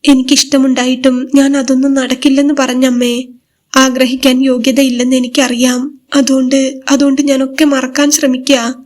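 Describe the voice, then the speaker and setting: A woman's voice: high-pitched, completely flat delivery, normal speed, a little mellow, lightly acted. A woman voicing a shy, heartbroken young servant's daughter in a spoken story, pleading and restrained. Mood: pleading, tearful.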